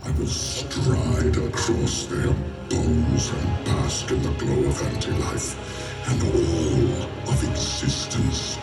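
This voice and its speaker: A man playing a giant, menacing, pompous alien warlord in a superhero film, speaking with slow, ominous grandeur. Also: extremely low pitch, animated, full character voice. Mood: menacing, grandiose. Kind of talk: superhero film villain dialogue. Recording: echoey, distant playback with loud music.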